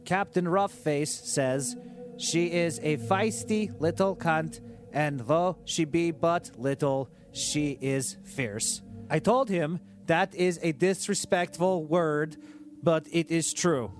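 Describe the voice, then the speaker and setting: A man doing a slow, smug dictator king. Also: a little high, soft background music, voice pushed up. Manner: broken English, slow and deadpan. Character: cruel pompous self-aggrandizing male dictator king. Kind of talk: comedic diary-reading monologue.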